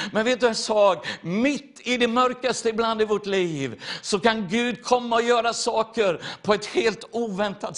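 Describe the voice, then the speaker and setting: A man's voice: high voice, a bit bright. A man preaching a testimony sermon, earnest and repetitive, speaking straight to his listeners.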